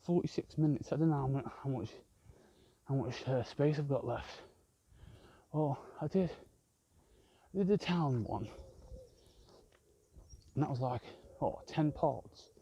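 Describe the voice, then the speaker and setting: A man's voice: medium pitch, unhurried, long pauses, warm tone, slightly rough, muffled recording. A man rambling and swearing constantly as he films a vlog on a walk outdoors in a park with his phone. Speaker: vlogger. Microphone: handheld phone camera.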